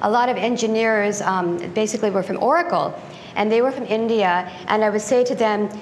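The audio is poor, with slight background noise, as a middle-aged woman from the United States lectures with slides in a conference room. She's a guest speaker with a medium-pitched voice and a slightly fast pace, talking in a conversational way with frequent ums and restarts. She uses a lectern mic at first and a handheld later.

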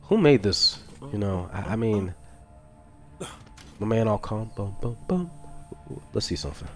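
A man streaming a video game live, reacting out loud with swearing and excited outbursts while he talks to himself and his chat. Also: on the low side, a little slow. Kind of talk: live gameplay commentary.

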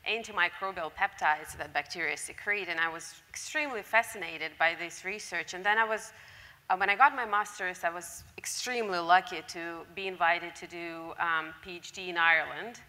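A woman in her forties is interviewed on a conference stage, with a somewhat low but bright, forceful voice. She talks earnestly, stopping often on fillers. The sound carries a long hall reverb. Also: normal speed. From Lithuania. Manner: hesitant, many fillers, earnest. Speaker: guest microbiologist. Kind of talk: onstage interview.

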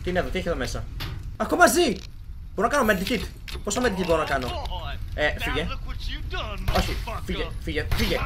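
A man commenting while playing a horror video game, joking and shouting in excited reactions. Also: sits high, pauses often. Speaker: gaming video host. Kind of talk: let's play commentary.

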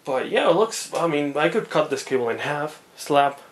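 A man's voice: on the high side, lively intonation, moderate pace, a little hiss or hum. A man vlogging a hardware teardown, rambling as he thinks aloud and often sounding amazed. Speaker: tech hobbyist vlogger. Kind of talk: unboxing and teardown narration.

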